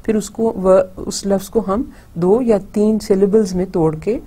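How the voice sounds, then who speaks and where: Teacher: woman with Pakistani Urdu accent, slow and patient lecture delivery, breathy mellow tone. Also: mid-range voice, fairly even intonation. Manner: slow, patient drilling of pronunciation with repeated syllables. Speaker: language teacher. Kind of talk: online lecture.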